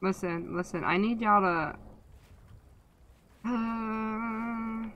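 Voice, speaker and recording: A woman's voice: on the high side, extremely slow, lo-fi sound, a little hiss or hum. A woman in her twenties chatting casually while streaming a game, swearing freely and complaining dramatically. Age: 20s. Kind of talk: casual gaming chat.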